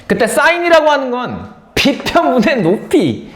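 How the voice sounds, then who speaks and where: Male math instructor, live classroom lecture, playful, repeats key terms, very lively pitch, echoey room, faint background noise. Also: normal speed. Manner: playful, repeats key words to drill students.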